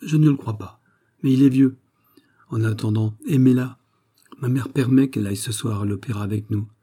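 A man's voice: mid-range voice, moderate pace, dark tone, lightly acted. A man voicing a pushy, scheming young brother who talks in an eager, wheedling way.

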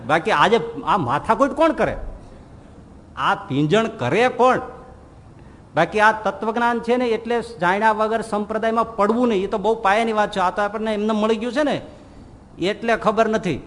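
At a moderate pace, a high-voiced swami preaches with animated humor, acting out characters' dialogue and laughing at his jokes during a scripture discourse. Long hall reverb and faint background noise are audible.

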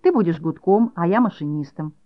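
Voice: mid-range voice, lively intonation, brisk, dry recording, lo-fi sound, natural voice. An audiobook reader voicing a bossy little boy who gives curt orders to his mother and brothers. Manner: curt, commanding, stubborn. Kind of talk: audiobook character voice.

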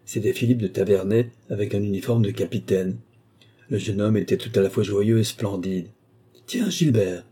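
A man reads a classic novel aloud in a measured, even way. His voice sits low and dark, with a husky edge to it. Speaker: audiobook narrator. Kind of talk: scripted narration of a classic novel.

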